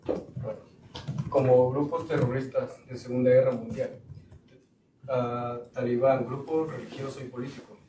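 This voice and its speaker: Man from Guatemala presenting, halting. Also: medium pitch, little pitch movement. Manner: halting, with frequent fillers. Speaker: student presenter. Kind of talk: presenting to a school board. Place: school board meeting room. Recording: echoey room, far mic, noisy.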